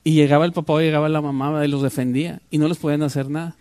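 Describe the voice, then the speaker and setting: A man's voice: fairly high pitch, flat delivery, very fast, warm tone, clean tone, no room sound. An older man, preaching a sermon and putting rhetorical questions to his congregation. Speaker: pastor.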